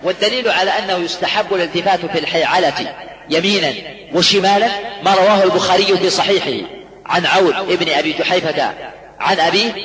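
A man teaching a methodical lesson to students, explaining point by point and pausing to put questions to the class. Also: high voice. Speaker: religious teacher. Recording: echoey hall with long reverb.

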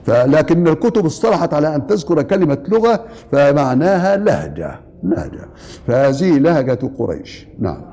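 Gravelly man giving a lecture. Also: fairly high pitch, very animated, brisk, few pauses, mellow, long reverb tail. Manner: explains by repeating key words. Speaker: teacher of Arabic language.

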